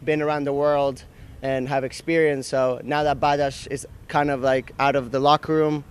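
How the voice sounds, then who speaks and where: A man's voice: medium pitch, flat delivery, moderate pace, clear, resonant tone. A man from Argentina, a soccer player, teasing and laughing in a casual outdoor interview. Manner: playful, teasing, laughs a lot. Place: outdoors by a river.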